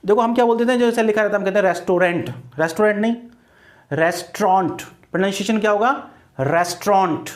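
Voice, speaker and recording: A man's voice: high voice, fairly even intonation, very fast, hardly any pauses. A man teaching English vocabulary for exam prep, spelling words out letter by letter and repeating key words. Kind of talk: online exam-prep lecture.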